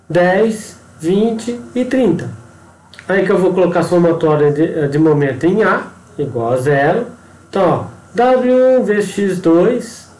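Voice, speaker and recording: In this low-quality, reverberant screen recording, a man with a Brazilian Portuguese accent explains a worked engineering problem on screen. His voice is a little high with a darkish tone, and as an instructor he keeps checking in with tag questions and pointing words.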